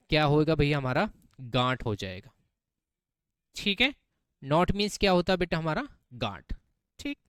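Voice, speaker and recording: A man's voice: a little high, a bit bright, smooth, no echo, clean studio sound. A man teaching English vocabulary in a classroom style, often quizzing his students and repeating words back to them. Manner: keeps asking students questions and repeating words, calls them beta.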